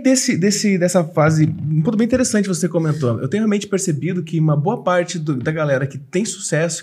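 High, fast-talking husky male host. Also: darkish tone. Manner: chatty, eager, quick to laugh along. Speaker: podcast host. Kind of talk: casual interview chat.

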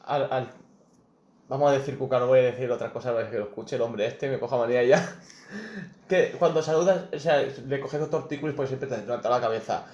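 A man's voice: mid-range voice, fast, darkish tone. A man from in casual chat, joking and swearing as he reacts to friends. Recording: roomy echo.

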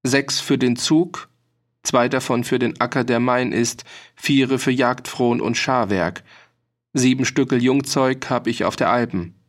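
A stubborn, sturdy old farmer, voiced by a man reading a storybook aloud. He talks in measured, earnest rustic phrases with a middling pitch. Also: fairly even intonation, close to an everyday voice.

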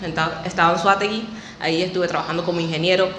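A woman's voice: fairly low pitch, fairly even intonation, fast, a bit bright. A woman from Venezuela, a podcast guest, telling her story in a chatty way with frequent laughs and a nervous edge. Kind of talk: casual interview. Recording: echoey room, faint noise.

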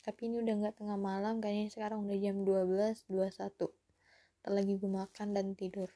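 Casting: female podcaster, twenties, warm dark tone, soft-edged delivery, loose and self-deprecating solo chat. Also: mid-range voice, level tone, fast talker. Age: 20s. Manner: rambling, self-deprecating, often chuckling to herself. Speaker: podcast host.

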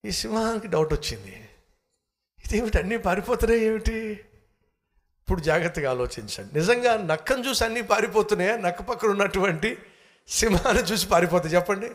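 An emphatic man preaches a sermon, weaving in a story. His voice sits rather high for a man. He keeps putting rhetorical questions to his listeners. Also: expressive, fast talker, fairly bright tone.

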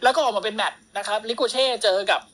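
A woman co-hosting a wrestling podcast, rattling off a match recap at a quick clip. Her voice sits a little high, and she is loose and profane, jumping into the wrestlers' lines as she tells the story. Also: fairly bright tone. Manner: fast, crude slang-filled storytelling, acting out wrestlers' lines. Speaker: podcast co-host. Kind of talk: casual wrestling recap chat.

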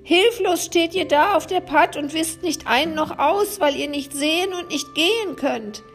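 Brief: a helpful vulture who croaks and calls loudly from above, put on by a woman, high voice. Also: a little slow, soft background music. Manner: croaking cries, calling out. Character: kindly male vulture calling from a tree.

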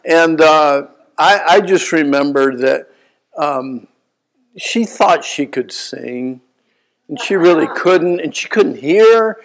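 A preacher in his sixties tells a story from the pulpit, his voice a touch high and rough with gravel. He jumps from loud, excited bursts to hushed asides. It is lively, personal sermon storytelling. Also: slow, poor audio. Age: 60s. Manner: animated, swings from loud bursts to quiet asides.

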